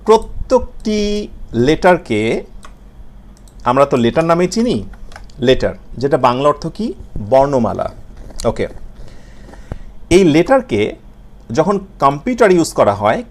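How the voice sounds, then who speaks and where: A man with a Bengali accent teaches English letters in a video lesson, speaking in a fairly high voice. His pitch swings widely as he drills sounds, repeating each one slowly and asking himself questions before answering them. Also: sing-song.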